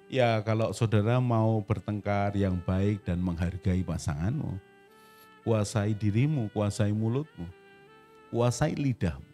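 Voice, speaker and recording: A man giving a family teaching talk, slow and emphatic, repeating his key phrases. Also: lowish voice, warm tone, faint music behind.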